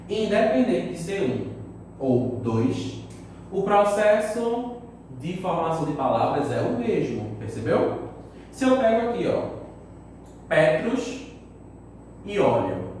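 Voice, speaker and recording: A male teacher giving a lesson, moving through each point slowly and checking in often with his students. His voice rises and falls a lot and sits a little high. He is picked up from a distance in a very echoey classroom. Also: darkish tone, slight background noise. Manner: explains step by step, checks in with students.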